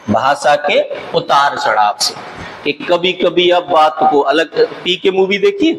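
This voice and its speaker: A man's voice: sits high, a bit bright, slight background noise, rough recording. A man teaching a grammar lesson for exam preparation, patiently explaining, repeating key terms and often checking whether students have understood.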